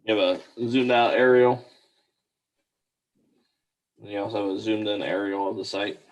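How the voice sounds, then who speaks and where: A man's voice: on the low side, steady tone, moderate pace, poor audio. A man reading out a formal staff report at a public meeting in a plain, procedural way.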